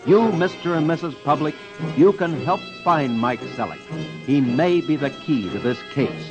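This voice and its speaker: This vintage radio crime show is hosted by an American man who's both broadcaster and investigator, delivering urgent, emphatic, dramatic appeals to the audience. His voice is slightly high and moderately paced, heard through dull vintage radio with music beneath.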